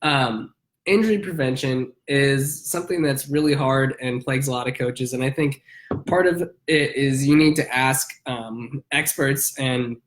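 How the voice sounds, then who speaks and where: A man's voice: mid-range voice, unhurried. A man with a head cold speaks in a congested, nasal voice. He keeps a casual, chatty vlog tone, leaning on frequent "um" fillers while talking to his viewers. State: coughing. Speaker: triathlete vlogger; answers viewers' questions.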